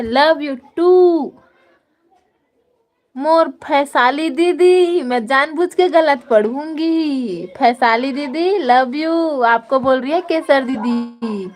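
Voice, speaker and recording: A woman with a Chhattisgarhi accent hosting a casual live stream, reading viewer comments and teasing them playfully into her phone. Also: high voice.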